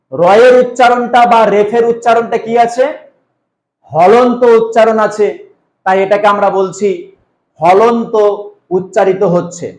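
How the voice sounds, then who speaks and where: A male teacher giving an exam-prep grammar lesson, asking questions and then answering them himself in a drawn-out explaining way. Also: high voice, reverberant, low-quality recording.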